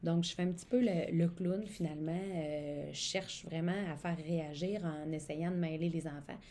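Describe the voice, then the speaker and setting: Mellow-voiced woman teaching. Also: deep voice, normal speed, a little hiss or hum. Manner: animated, speaks as if to young children, stretches words. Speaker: early childhood educational support worker. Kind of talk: demonstration lesson on interactive reading.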